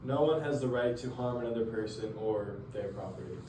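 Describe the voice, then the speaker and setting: A teenage boy playing a calm, principled male philosopher in a school role-play interview, reading plainly. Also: medium pitch, brisk, close to an everyday voice. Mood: earnest. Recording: roomy, distant mic, faint noise.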